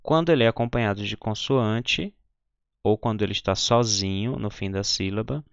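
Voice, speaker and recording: A man's voice: on the low side, gravelly, smooth, no room sound, highs cut off. Patient man teaching pronunciation. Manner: patient, repeats example words slowly with frequent "né?" and "ok?". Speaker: German teacher. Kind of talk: explaining pronunciation lesson.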